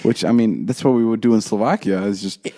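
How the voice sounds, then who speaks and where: A young man co-hosting a podcast, trading quick, joking banter and laughing often. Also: fairly low pitch, mellow. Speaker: podcast co-host.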